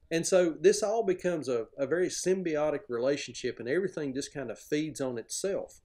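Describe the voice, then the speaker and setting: A middle-aged man talks about his farm with eager, plain-spoken energy, laying out how things work step by step. His voice sits at an ordinary middle pitch for a man. He is heard through a video-call setup from a room at home. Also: a little mellow. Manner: enthusiastic, explanatory, plain-spoken. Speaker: pig farmer guest. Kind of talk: podcast interview over video call. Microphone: video call, webcam framing.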